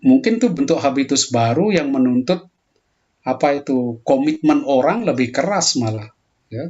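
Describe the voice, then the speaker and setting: A man lecturing calmly in a pastoral theology talk, answering a question, and lifting his voice when he acts out quoted prayers. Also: medium pitch, highs cut off. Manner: explains calmly, voicing heated quoted prayers more loudly.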